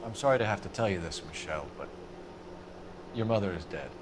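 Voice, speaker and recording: A stiff, earnest 1940s detective. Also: male voice, low-pitched, expressive, brisk, noisy background. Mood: formal. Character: earnest, upright 1940s police detective man. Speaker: police detective. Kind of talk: video game dialogue.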